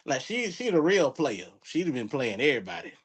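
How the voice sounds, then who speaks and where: A man's voice: mid-range voice, sing-song, fairly quick, husky. Joking Southern man on a podcast. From Florida. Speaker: comedian guest. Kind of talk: casual podcast chat.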